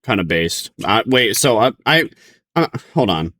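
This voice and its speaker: A man's voice: lowish voice, sing-song, unhurried, sharp tone. A man streaming casual reaction commentary, rambling in a bemused, hesitant way.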